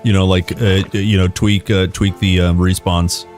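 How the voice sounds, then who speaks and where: A man's voice: sits low, little pitch movement, normal speed, music in the background. A man streaming a game live, chatting casually in an informal, enthusiastic, rambling way.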